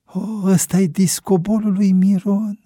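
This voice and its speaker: A man voicing an excitable young know-it-all who chatters eagerly. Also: sits high, no echo, clean studio sound, voice pushed up, close to an everyday voice. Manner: excited, quick questions.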